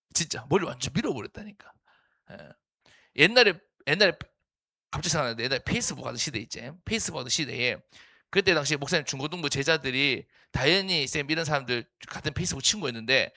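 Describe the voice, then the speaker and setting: A man's voice: on the high side, sharp tone, no room sound, clean studio sound. A man, a youth pastor preaching a playful sermon and teasing the teens by name.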